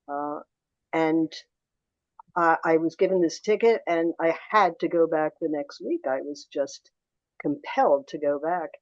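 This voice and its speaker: A woman's voice: sits low, a little slow, darkish tone, no echo, highs cut off. An older woman from suburban Philadelphia, a guest telling reflective stories in an interview. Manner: reflective, anecdotal, with restarts and quoted dialogue. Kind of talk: storytelling interview answers.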